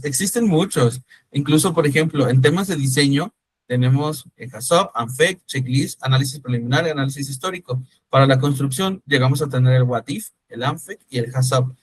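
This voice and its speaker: A man with a medium-pitched voice teaches an online-style class, talking conversationally, naming students when he questions them and frequently saying "¿sí me explico?". The recording is dry and rough.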